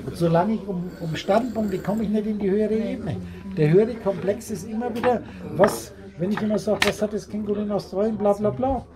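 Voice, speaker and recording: A man's voice: high-pitched, a little fast, a loud crowd. A man giving a rambling, repetitive spiritual talk to a small group at a meeting, often laughing as he speaks.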